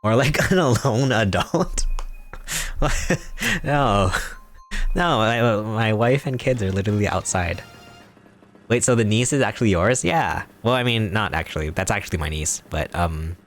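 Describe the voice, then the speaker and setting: Young man, streamer, low-pitched, giggly, rambling, playfully mock-serious, casual live chat, game music behind. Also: animated, a little slow. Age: young adult.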